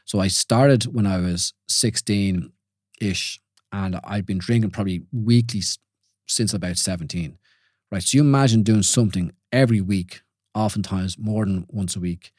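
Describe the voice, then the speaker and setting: Clean studio sound with no room reverb carries a man's low, slightly mellow voice at normal speed. He's a forties-aged Irish host of a solo reflective podcast who talks things through casually, often restarting and asking listeners "you know?"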